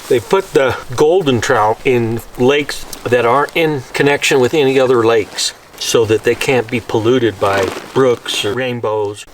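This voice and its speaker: A man's voice: medium pitch, a little slow, few pauses, recorded from a distance. A man talks in an easy, matter-of-fact way, dropping in dry humor. He sits back from the camera mic, with faint outdoor noise around him. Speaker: backpacker vlogger. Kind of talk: casual outdoor chat. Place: outdoors at a high mountain lake.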